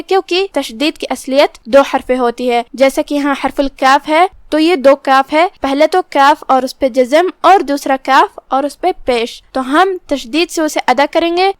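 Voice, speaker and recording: A woman teaching Quran recitation rules in a patient, methodical way, slowly reciting verses and explaining each letter. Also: high-pitched, dry recording, clean studio sound. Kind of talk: tajweed lesson with slow recitation.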